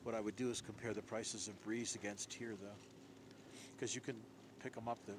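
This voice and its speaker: A man filming a friend as they ski, chatting on the chairlift and loudly urging him down the hill. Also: lowish voice, flat delivery, fairly quick. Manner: urges on loudly, coach-like. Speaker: skier filming a friend on the slopes. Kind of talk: casual chat and shouted encouragement. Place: outdoor ski slope and chairlift in a snowstorm. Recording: heavy wind noise on an outdoor camera mic.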